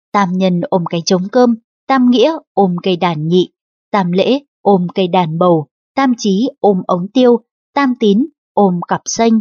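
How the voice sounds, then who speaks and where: A woman narrating a historical novel as an audiobook in a steady, even reading. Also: medium pitch, husky, dry recording. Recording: dull lo-fi audiobook recording.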